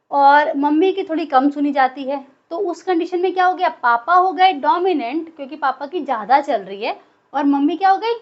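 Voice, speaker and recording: A woman's voice: high-pitched, muffled recording. A woman teaching a biology class in a lecture style, asking questions and answering them herself.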